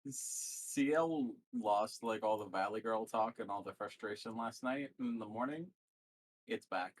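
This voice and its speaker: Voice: medium pitch, fairly even intonation, normal speed, slight background noise, poor audio. A player chatting casually and profanely during a tabletop role-playing game.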